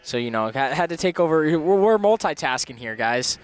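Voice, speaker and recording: A man calling live college baseball play-by-play from a ballpark press box, fast with his calls and quick to laugh. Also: a little high, expressive. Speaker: play-by-play commentator.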